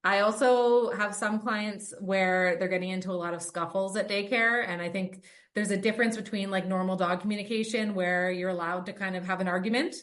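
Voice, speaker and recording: Brisk and fairly bright, a woman with a medium-pitched, steady voice hosts a podcast and works as a dog trainer. She chats through a list of points, sprinkling in "um" and "like" often.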